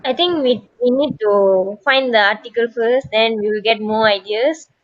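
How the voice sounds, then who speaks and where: A woman's voice: a little high, moderate pace, no room sound. A young woman chatting casually in a student group discussion. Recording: dull, dry lo-fi call audio.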